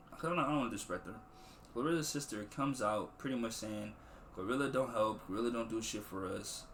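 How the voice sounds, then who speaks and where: A man in his twenties hosting a podcast, talking casually in a rambling way, with many restarts, street slang and animated bursts. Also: medium pitch, slight background noise. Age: 20s. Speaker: podcast host. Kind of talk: casual solo podcast commentary.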